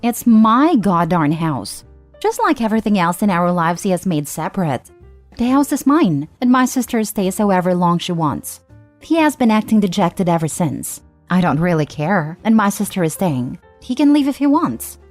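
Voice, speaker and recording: A woman giving a steady, even scripted narration of a forum post. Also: fairly low pitch, normal speed, no room sound, faint music behind. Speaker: story narrator.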